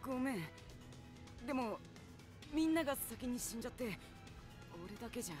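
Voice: mid-range voice, lively intonation, a little fast, a little mellow, soft background music, natural voice. An actor voicing a timid young male gamer in a Japanese anime game, nervous, stuttering and apologetic. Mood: cowering.

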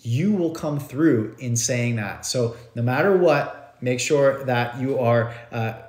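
Speaking slowly but animatedly, a yoga teacher in his thirties gives a live-stream talk from his home living room, repeating his own phrases in a loose way and gesturing plenty. His voice sits at an ordinary middle pitch, captured close by a phone camera in a bare, echoey room.

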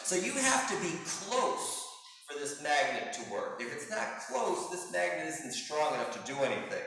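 A middle-aged man, a pastor, giving a children's sermon with props, explaining in a lively way. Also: on the high side. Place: large church sanctuary, indoors. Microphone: far camera. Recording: echoey sanctuary from far off.

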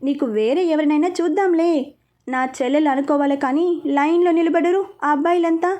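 A woman's voice: high voice, fairly even intonation, fairly quick, dark tone, natural voice. A woman reading the lines of a teasing, affectionate young husband in a story. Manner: playful, teasing.

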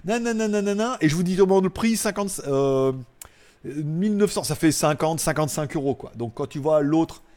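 A Frenchman hosts a live tech news stream from his home studio, rambling and joking with crude asides and lots of laughter. His voice sits on the high side, darkish in tone, at a normal pace.

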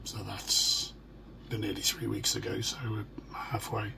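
In a small furnished room at home, a middle-aged British vlogger speaks casually to his camera in a low, hoarse voice that is heavily creaky, croaky and gravelly. His delivery is halting, downbeat and completely flat, like a personal diary. The noisy phone or webcam recording has clear background noise.

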